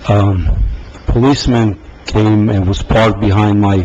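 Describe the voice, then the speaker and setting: A man from the Soviet Union, a resident making a halting, earnest public comment at a town council meeting, with many fillers and restarts. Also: lowish voice, little pitch movement, dark tone. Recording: dull lo-fi meeting recording with faint hiss.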